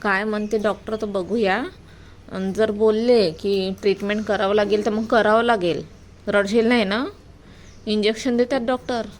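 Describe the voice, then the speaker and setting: A woman's voice: medium pitch, steady tone, moderate pace. A woman, filming a home vlog and coaxing her children with motherly questions. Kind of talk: casual home vlog narration and chat with children. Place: home, indoors. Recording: noisy home phone recording.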